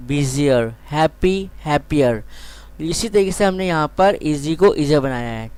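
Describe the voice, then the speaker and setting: A man giving a grammar lecture, explaining step by step and drawing out his example words slowly. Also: fairly high pitch, smooth. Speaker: teacher.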